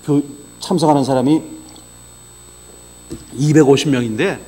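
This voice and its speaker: A man preaching a sermon in a folksy, conversational way, telling anecdotes and moving between quiet asides and raised exclamations. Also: a little slow. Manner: animated storytelling, swinging between low asides and raised exclamations. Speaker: pastor.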